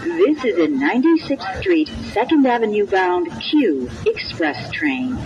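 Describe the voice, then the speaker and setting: A woman reading scripted, automated subway announcements over a train intercom, clearly enunciated in separate formulaic segments. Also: medium pitch, big pitch swings, a little slow, music in the background. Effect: played over a train intercom. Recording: dull train PA with background noise.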